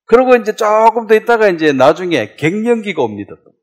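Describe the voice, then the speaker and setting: A man's voice: high-pitched, a little fast. A man preaching a sermon as pastor, acting out voices as he goes. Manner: animated, acts out voices.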